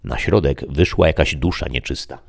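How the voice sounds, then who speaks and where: Deep-voiced man telling a story dryly. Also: normal speed, creaky, dry recording. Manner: dry, ironic first-person storytelling. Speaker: narrator. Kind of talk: audiobook story narration.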